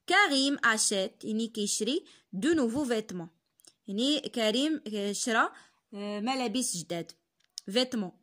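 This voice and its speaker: A young woman in her twenties with a Moroccan Arabic accent, teaching a French lesson as a tutor, reading sentences slowly and then explaining them quickly in Darija. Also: on the high side, a bit bright.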